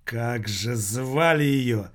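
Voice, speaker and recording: A man voicing a gruff old male thief boss, speaking hoarsely and with hatred. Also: mid-range voice, very slow. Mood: hostile.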